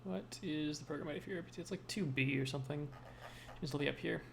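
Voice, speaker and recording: Guy coding on stream, talks to himself, kinda gravelly, faint typing in the back. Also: fairly high pitch, rapid-fire, fairly bright tone, slight background noise. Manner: mumbling to himself, self-talk with hedges. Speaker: programmer livestreaming his work. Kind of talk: casual thinking-aloud while coding.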